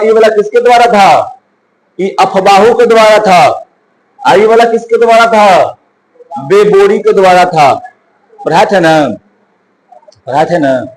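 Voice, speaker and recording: Slow high-voiced male teacher. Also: poor audio. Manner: asks and answers his own questions, counts aloud. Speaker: coaching teacher. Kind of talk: classroom chemistry lesson.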